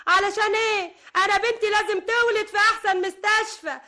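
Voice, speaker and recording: A woman's voice: extremely high pitch, fairly even intonation, pushed and bright. An actress playing a bossy, scolding older mother-in-law in an Egyptian radio comedy, with an Egyptian accent and an indignant, nagging manner. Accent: Egyptian Arabic. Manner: nagging, indignant, quick-tongued.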